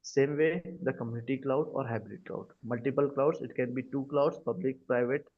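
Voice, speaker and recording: A man's voice: mid-range voice, brisk. A man with an Indian accent teaching a live online class, often checking understanding with short questions over a video call. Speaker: cloud computing instructor. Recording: dull, lo-fi video-call audio.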